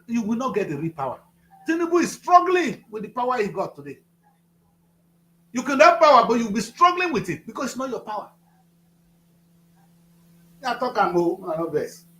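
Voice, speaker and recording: In reverberant, poor-quality audio, a Nigerian man in his fifties speaks as a studio guest in a high-pitched, bright, forceful voice. His political talk is passionate, preachy and emphatic, driven by phrases repeated for effect.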